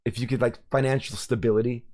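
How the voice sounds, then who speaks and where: A man's voice: mid-range voice, steady tone, quick pace, mellow. A man hosting a podcast, chatting casually and rambling through a story with many fillers. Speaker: podcast host. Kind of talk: casual chat.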